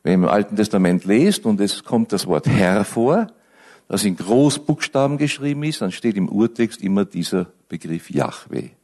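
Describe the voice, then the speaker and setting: A man preaching a sermon, speaking to his listeners directly and building to emphatic peaks. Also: on the low side. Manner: slow, animated preaching with rising emphatic peaks.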